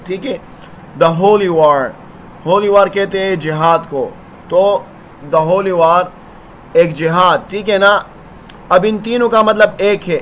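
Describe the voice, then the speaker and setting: Slow, high-voiced man teaching English. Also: a bit bright, a little hiss or hum. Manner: patient, repeats "ठीक है ना?" to check understanding. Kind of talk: explaining grammar lesson.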